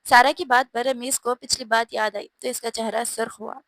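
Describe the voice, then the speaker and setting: A woman narrates a bedtime story in a steady, even reading voice that sits slightly high. The recording is dry and close, with no room sound. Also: normal speed, no room sound.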